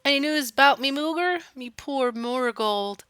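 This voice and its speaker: A woman's voice: high voice, normal speed, sharp tone, smooth, pitched above the performer's own voice. A woman voicing a melodramatic old male farmer from a video game, folksy and theatrical. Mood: folksy, eager. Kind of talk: video game character read-aloud.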